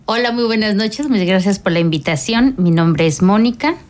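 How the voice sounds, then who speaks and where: Middle-aged woman, religious sister, radio interview guest, calm and explanatory, even pitch. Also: moderate pace. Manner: calm, explanatory, frequent fillers.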